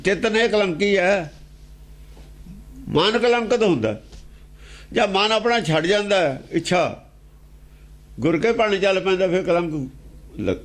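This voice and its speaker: Punjabi-accented male religious teacher, fairly high voice, animated rise and fall, rhetorical questions. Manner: repeats key phrases, rhetorical questions. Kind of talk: scripture exposition talk.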